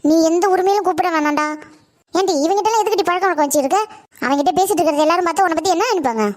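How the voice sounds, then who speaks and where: A woman's voice: very high voice, racing. A woman voicing a strict, short-tempered village mother in a cartoon, scolding and indignant. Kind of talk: Tamil cartoon voice acting.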